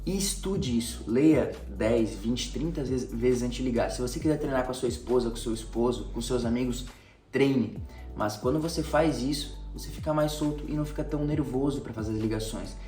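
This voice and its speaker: A man's voice: mid-range voice, a little fast, mellow. A man, a sales coach who teaches by listing numbered tips and giving everyday examples. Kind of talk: spoken sales tips to camera. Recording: roomy echo, distant mic, faint music.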